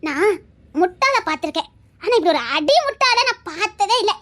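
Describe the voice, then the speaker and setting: A woman's voice: very high voice, lively intonation, a little fast, bright, forceful tone, heavily acted. A woman playing a sulky, headstrong young woman with a Tirunelveli accent who pleads against an arranged marriage in a one-voice audio drama. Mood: pleading. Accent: Tirunelveli Tamil. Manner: pleading, whiny, then scheming.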